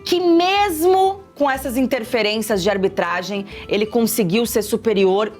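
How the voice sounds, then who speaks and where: A woman's voice: a little high, normal speed, darkish tone, faint music behind. A woman commenting on football in a casual panel chat, stressing her points by repeating them. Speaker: sports commentator.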